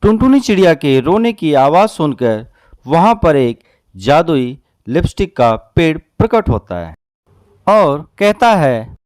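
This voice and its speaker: A man's voice: on the high side, big pitch swings, measured pace, darkish tone, no echo, studio quality. A man narrating a children's cartoon story.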